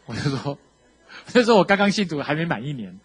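A man with a Taiwanese Mandarin accent giving a sermon testimony, telling his story with animation and acting out the quotes, shifting between hushed and loud. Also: fairly high pitch, sing-song, quick pace, husky. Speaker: preacher sharing his testimony.

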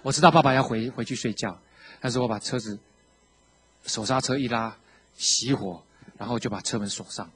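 A man with a Taiwanese Mandarin accent giving a sermon testimony, telling his story with animation and acting out the quotes, shifting between hushed and loud. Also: medium pitch, a little fast, pauses often, a little hiss or hum. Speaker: preacher sharing his testimony.

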